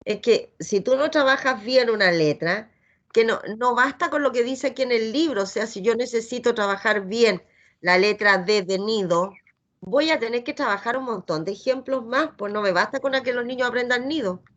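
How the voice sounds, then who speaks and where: A middle-aged Chilean woman teaches reading in a bright, slightly high voice. She takes her time, sounding out each letter and syllable with patient care. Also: moderate pace, lo-fi sound. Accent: Chilean Spanish.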